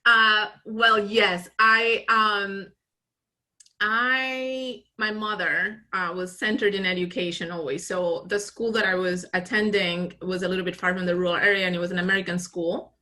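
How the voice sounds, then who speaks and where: Bright-voiced Colombian-born businesswoman. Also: mid-range voice, moderate pace. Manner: animated storyteller, laughs often, frequent restarts. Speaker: business founder, guest. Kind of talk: casual interview conversation.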